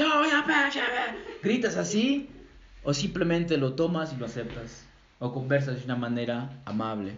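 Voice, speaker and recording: A man preaching a sermon as a pastor, emphatic, repeating key phrases and checking with the congregation. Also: medium pitch. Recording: roomy, dull lo-fi sound.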